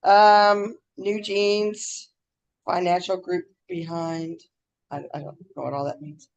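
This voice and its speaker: She co-hosts a casual podcast, speaking at a slow pace in a fairly low voice on a muffled recording. Chatting and reading news, she's scattered and easily distracted, and her R's come out as w-like sounds.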